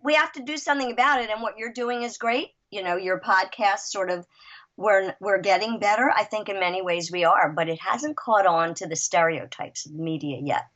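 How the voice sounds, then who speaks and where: A woman in her sixties, a writer and guest, chatting in an interview, lively and emphatic, with frequent restarts. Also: mid-range voice, a little fast. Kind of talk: casual interview chat. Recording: dull lo-fi audio.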